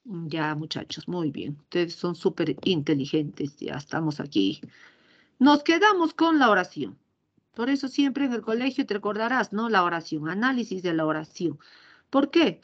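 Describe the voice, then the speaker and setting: A woman's voice: fairly low pitch, animated, normal speed, muffled recording. A woman teacher giving a grammar lesson, explaining patiently and often checking in with short tag questions.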